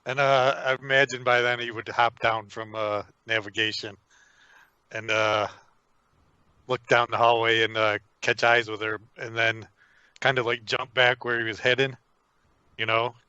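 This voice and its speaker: A man's voice: mid-range voice, little pitch movement, moderate pace, bright, forceful tone, clear, resonant tone, dry recording, lo-fi sound. A man playing a tabletop game, talking casually and hesitantly. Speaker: player. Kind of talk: tabletop role-play chat.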